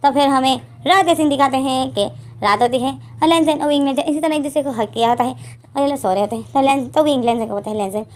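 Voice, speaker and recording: A woman's voice: sits high, fairly quick, darkish tone. A woman casually retelling a fan story, chatty and simple. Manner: chatty, simple linking phrases.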